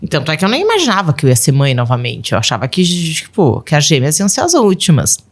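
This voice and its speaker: Animated woman telling family stories. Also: low voice, fast talker, husky. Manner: animated, acts out her children's voices, laughs often. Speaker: podcast guest, mother of twelve. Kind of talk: casual storytelling interview.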